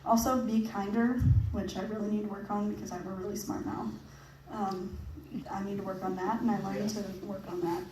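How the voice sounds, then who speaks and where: A woman's voice: medium pitch, steady tone, brisk, few pauses. Chatty young woman in an echoey church hall. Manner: chatty, laughs often, many fillers. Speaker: mission trip presenter. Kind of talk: casual talk to a church audience. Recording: echoey hall, picked up from a distance, faint noise.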